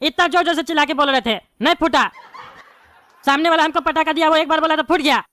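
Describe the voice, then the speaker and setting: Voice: high voice, fairly even intonation, fast talker, pushed and bright. A voice actor playing a bald, hot-tempered male politician in a cartoon, given to angry, threatening rants. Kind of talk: cartoon voice acting.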